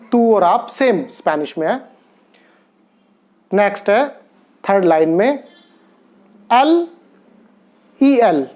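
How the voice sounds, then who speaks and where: Slow, deliberate male language teacher. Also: sits high, warm tone. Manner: deliberate, repeats key words for learners. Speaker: Spanish teacher. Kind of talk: grammar lesson explained step by step.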